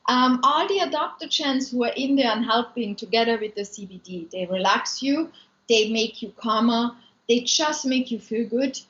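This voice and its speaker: An Austrian woman with an Austrian German accent chats loosely on a live stream, filling her answers to viewer comments with lots of ums. She's a food maker and business owner whose voice sits on the high side, fairly bright, at a moderate pace. The room is echoey and the sound dull and lo-fi.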